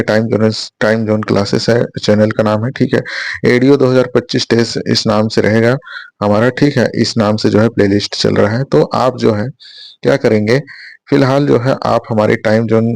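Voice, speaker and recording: A man's voice: on the low side, creaky, a little mellow, no room sound. A man teaching an exam prep lesson, quizzing listeners with repeated questions and checking in often. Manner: repetitive quizzing, rhetorical questions, frequent "thik hai".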